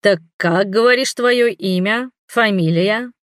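A cranky, lecherous old male appraiser, voiced by a woman reading a fantasy audiobook. He grumbles and snaps in a slow, testy drawl. The sound is close and dry. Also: mid-range voice, dry recording, natural voice.

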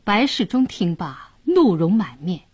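A woman narrating a traditional Chinese story in an expressive, dramatic way. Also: on the low side, measured pace, slightly rough, no echo.

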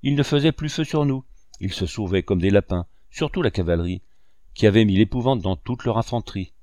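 A man narrating a first-person memoir in a steady, measured way. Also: fairly low pitch, no room sound, studio quality. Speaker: audiobook reader.

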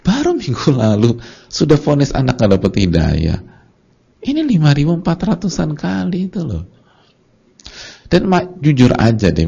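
A man giving a casual, colloquial religious lecture, telling lively stories and acting out short dialogues. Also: medium pitch, vocal fry, slightly rough. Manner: colloquial and conversational. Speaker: Islamic preacher. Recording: dull lo-fi lecture recording.

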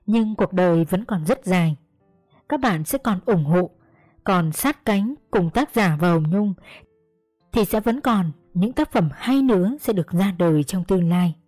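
Brief: woman storyteller, mellow and dry, close sound with faint music behind. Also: mid-range voice, expressive, measured pace, no room sound. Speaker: audiobook narrator. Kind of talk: storytelling narration.

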